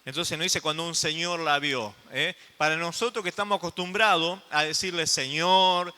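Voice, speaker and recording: Argentine pastor, fairly high and piercing voice, long church reverb, quizzes the flock as he preaches. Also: steady tone, moderate pace, pushed and bright, smooth. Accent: Argentine Spanish. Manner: asks the congregation rhetorical questions. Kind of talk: sermon.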